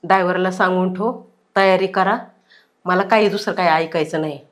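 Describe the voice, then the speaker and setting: A woman's voice: lowish voice, moderate pace, lightly acted. An actress playing a domineering older mother-in-law who gives orders and will not be argued with. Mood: commanding. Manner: bossy, insistent.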